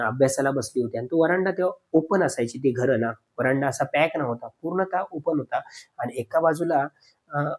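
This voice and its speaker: A man narrating a spoken horror story, addressing listeners as friends, with dramatic pauses. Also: mid-range voice, a little mellow.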